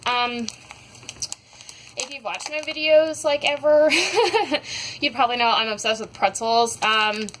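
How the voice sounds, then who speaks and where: A woman's voice: a little high, fairly even intonation, a little slow, long pauses, bright, forceful tone, slight background noise, rough recording. A young woman casually reviewing scented wax melts at home, rambling with many fillers. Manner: rambling, many ums and likes. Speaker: wax melt haul vlogger. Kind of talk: casual product review chat.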